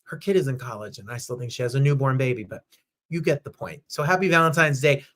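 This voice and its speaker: A man's voice: mid-range voice, fast talker, fairly bright tone. A man hosting a casual livestream chat show from home, upbeat and chatty, greeting viewers by name. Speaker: host.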